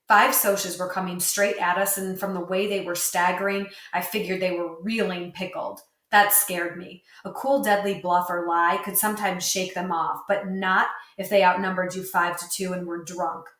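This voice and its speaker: A woman reading a novel aloud, telling the story in first person with steady narration. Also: fairly low pitch, moderate pace, hardly any pauses. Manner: steady storytelling narration with lightly voiced dialogue. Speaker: reader. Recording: roomy, distant mic.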